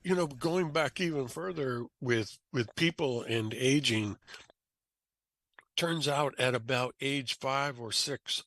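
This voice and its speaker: A man chatting on a podcast, explaining ideas calmly and slipping into animated quoted voices. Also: medium pitch, takes it slowly, dry recording, low-quality recording. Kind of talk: conversational podcast chat.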